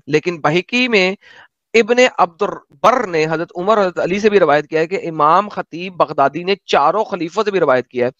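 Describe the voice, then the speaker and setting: A man's voice: high-pitched, fairly bright tone, no echo. A man hosting a casual chat, reading a text aloud and breaking in with sarcastic, mocking asides. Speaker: host. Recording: dull dry lo-fi audio.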